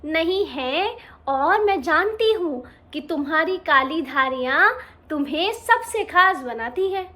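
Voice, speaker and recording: A woman's voice: sits high, expressive, slow, bright, forceful tone, full character voice. A woman voicing a kind little bird in a children's story. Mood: caring.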